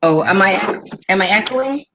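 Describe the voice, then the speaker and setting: A woman's voice: medium pitch, animated, normal speed, noisy background. A woman on a video call whose voice echoes back from a second device, chatting casually and joking. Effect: echo from her own second device. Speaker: guest on a livestream. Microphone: computer video call.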